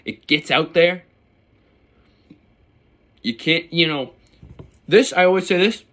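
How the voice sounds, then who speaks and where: A man's voice: a little high, slow, a bit bright. A man talking informally and bluntly, with mild swearing and slang, as a hunter casually showing and explaining his gear. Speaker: turkey hunter presenting his calls. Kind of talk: casual hands-on gear demonstration.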